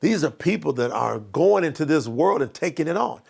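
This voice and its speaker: A man's voice: fairly high pitch, lively intonation, moderate pace, vocal fry, darkish tone, slightly rough. A man giving an emphatic, preachy motivational training talk as a life coach.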